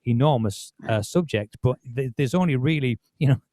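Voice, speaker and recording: A man's voice: medium pitch, moderate pace, dark tone, dry recording, clean studio sound. A man hosting a podcast, talking casually about music with many restarts. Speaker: podcast host.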